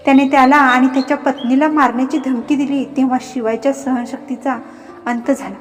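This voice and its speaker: High-voiced woman narrating a story. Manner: dramatic, even reading. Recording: reverberant, faint background music.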